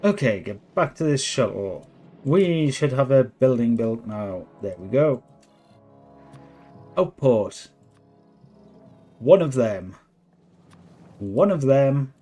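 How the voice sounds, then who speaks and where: A man's voice: mid-range voice, animated, takes it slowly, long pauses, warm tone, faint music behind. A man streaming a video game, chatting casually in a self-deprecating way. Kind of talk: casual livestream chat while gaming.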